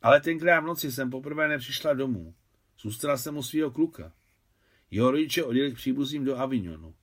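A man reading aloud plays a shy young working-class woman who speaks plainly and artlessly. Her voice sits at an ordinary pitch for him in this storybook reading. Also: animated, a bit bright. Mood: somber.

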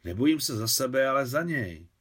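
A man's voice: medium pitch, expressive, fairly bright tone, pitched above the performer's own voice. A man voicing a shy, anxious young woman who speaks in a timid, hesitant voice.

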